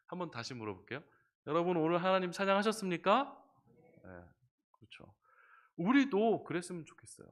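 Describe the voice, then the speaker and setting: A middle-aged man preaching a sermon as pastor in a church, conversational and lively, often asking the congregation questions. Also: a little high. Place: church sanctuary.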